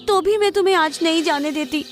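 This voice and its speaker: A woman voicing a proud, impulsive rich young woman in a storybook tale, speaking in a high, heated voice. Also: expressive, fairly quick, fairly bright tone, soft background music. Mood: tearful.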